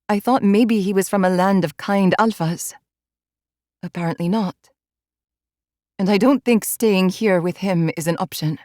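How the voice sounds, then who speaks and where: A woman narrating a first-person audiobook in a measured, inward storytelling manner. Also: mid-range voice, dark tone, no room sound, studio quality.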